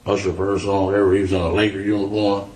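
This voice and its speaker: On a roomy, noisy interview recording, a man questioned by police talks quickly in a low-pitched, flat, slightly mellow voice. He recounts memories casually, using profane street slang and acting out quoted exchanges as he tells his stories.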